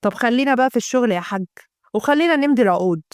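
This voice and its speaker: A woman's voice: a little high, expressive, rapid-fire, no echo, clean studio sound, close to an everyday voice. A woman voicing a scheming young businessman with an Egyptian accent, talking in pushy, condescending sweet talk. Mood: smug. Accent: Egyptian Arabic.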